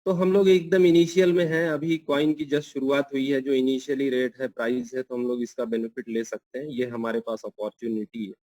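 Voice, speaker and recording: A man's voice: mid-range voice, flat delivery, brisk, hardly any pauses, darkish tone, no echo. A man opening an online meeting, explaining a coin plan and respectfully handing over to the main speaker. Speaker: meeting moderator.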